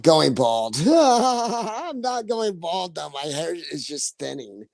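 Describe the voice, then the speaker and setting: A man's voice: a little high, very animated, slow, creaky, a little mellow. A man in his forties chatting casually on his livestream, rambling, laughing often and swearing freely. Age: 40s. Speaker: livestream host.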